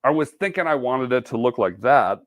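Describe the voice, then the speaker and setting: A man's voice: mid-range voice, lively intonation, a little fast. A man giving a casual, chatty live-stream sewing demo, self-deprecating and humming or making little beep noises as he works. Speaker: sewing ambassador.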